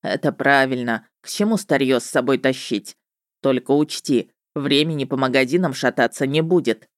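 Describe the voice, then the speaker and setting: A pushy, self-assured male witcher from a fantasy audiobook, pitched low and gruff, as a woman reader puts him on. He talks in a curt, businesslike way and brushes off questions. The voice sounds close and dry. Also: normal speed, dry recording. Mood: offhand. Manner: curt, dismissive, matter-of-fact. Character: brash, cocky male witcher, businesslike and sly.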